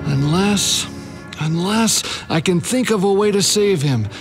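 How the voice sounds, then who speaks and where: Slow, lilting, vain old-world king, acted by a man. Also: high voice, expressive, music in the background. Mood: troubled, regretful. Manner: theatrical, hesitant, regal. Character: vain, easily flattered but kindhearted ancient king.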